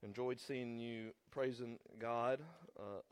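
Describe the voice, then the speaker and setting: A man's voice: mid-range voice, steady tone, slow, clear, resonant tone. A man preaching a sermon as the pastor while sick, with rambling, joking asides. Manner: rambling, self-deprecating asides. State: sick, under the weather. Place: church sanctuary.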